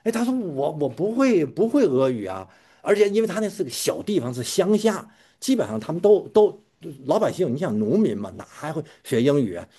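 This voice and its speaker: Male preacher, sermon, stammering repeats, swooping animated pitch, mellow tone. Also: fairly quick, slightly rough. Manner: stammering repetitions, chuckling asides, quizzing listeners.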